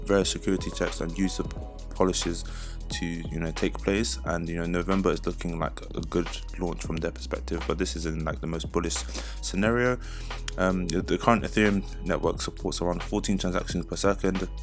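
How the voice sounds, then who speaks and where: A man with a low voice presents crypto news like a casual crypto bro talking to his viewers. He rambles, doubles up on words and corrects himself as he goes. Music plays under his commentary. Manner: informal crypto bro talk, addressing viewers as "you guys". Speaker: host of a crypto news video channel.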